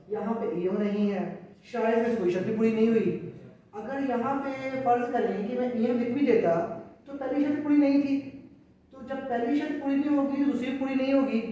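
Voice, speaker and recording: A man's voice: extremely high pitch, dark tone, lo-fi sound. A man with a Pakistani Urdu accent teaching a language class, explaining patiently step by step and sounding out syllables at a board. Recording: very echoey room, voice far from the mic.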